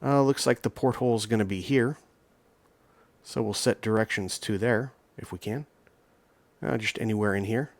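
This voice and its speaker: A man's voice: on the low side, normal speed, pauses often, a little hiss or hum. A man casually commenting on his truck-driving gameplay, rambling with frequent ums and restarts as he plays. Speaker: gaming channel host.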